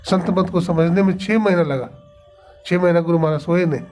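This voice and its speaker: Male spiritual preacher, slightly high-pitched, sermon delivery, faint hiss behind. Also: steady tone, brisk, a little mellow. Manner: explains with rhetorical questions and answers them himself. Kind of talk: devotional sermon.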